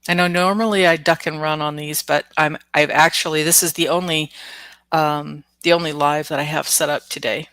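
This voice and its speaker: A woman reading oracle cards hosts a live stream, chatting casually, greeting commenters by name and laughing often. Flu leaves her sounding nasal and congested; her low voice is steady, a bit bright, at a moderate pace, with no echo.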